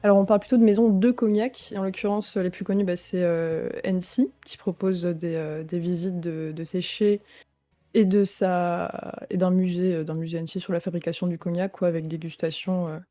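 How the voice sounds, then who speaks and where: A young woman speaking as a guest in a casual chat. She is eager and enthusiastic, with a mellow voice, but often pauses on fillers. Faint music plays in the background. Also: lowish voice, fairly even intonation, dry recording. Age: young adult.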